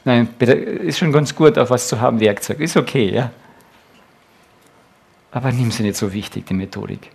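A man's voice: mid-range voice, moderate pace, gravelly, long pauses, darkish tone, breathy edge. A man preaching a sermon to fathers, speaking earnestly and emphatically, and closing with a prayer. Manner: earnest, emphatic, quoting God and Jesus in direct speech.

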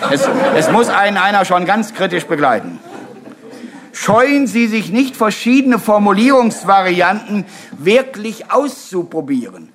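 A man's voice: high-pitched, animated, a little slow, a crowd in the background. A man leading a workshop on public speaking, talking live to a group, with wry, self-mocking asides and tag questions thrown to the audience. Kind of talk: live seminar talk.

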